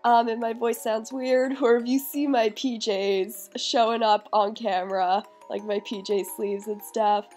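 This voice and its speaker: A young adult woman with a cold narrates a casual baking tutorial in her home kitchen as a baking vlogger. Her slightly high, darkish voice is fairly even in intonation and unhurried, with few pauses, and faint music plays behind her.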